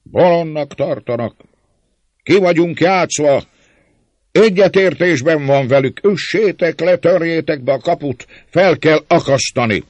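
A man voicing a furious mob of rough men, in yelled, frantic shouts in an audiobook. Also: a little high, dry recording, voice pushed up, lightly acted. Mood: enraged. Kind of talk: audiobook character voice.

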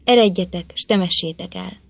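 A woman's voice: fairly low pitch, vocal fry, no room sound. A woman voicing a stern male warrior chieftain in a storybook reading, commanding and declamatory.

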